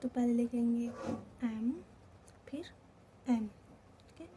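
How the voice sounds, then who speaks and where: A woman's voice: a little high, fairly even intonation, dark tone, a little hiss or hum. A woman with a Hindi accent teaching shorthand, walking through each step and checking in often. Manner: slow, repeats each step, checks in with "theek hai". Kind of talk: step-by-step lesson.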